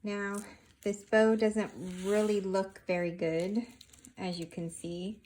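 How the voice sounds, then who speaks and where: A woman's voice: mid-range voice, level tone, darkish tone. A woman hosting a casual craft tutorial, talking through each step of her handiwork as she goes. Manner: unhurried, narrating each hand movement as she works.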